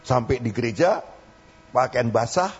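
In this dull lo-fi recording with a faint hum, the older Javanese-accented pastor speaks at medium pitch, animated yet unhurried, slightly rough. His folksy sermon mixes in local dialect and climbs to preaching fervor.

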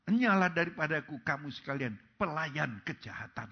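A preacher voicing a stern, commanding God. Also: male voice, fairly high pitch, expressive, moderate pace, husky, highs cut off. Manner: solemn, commanding declarations. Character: stern male God rejecting the wicked.

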